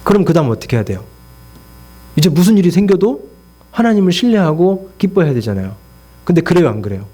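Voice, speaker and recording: A man's voice: a little high, sing-song, quick pace, long pauses, warm tone. A middle-aged male pastor preaching a sermon, telling stories with animation and acting out complaints and prayers in his own voice, often putting rhetorical questions to the congregation.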